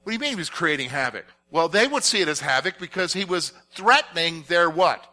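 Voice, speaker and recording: A man teaching a Bible passage as a pastor, animated and posing fill-in-the-blank questions to his listeners. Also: fairly high pitch, a little fast. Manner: animated, asks the audience to fill in words. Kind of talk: expository sermon with audience questions.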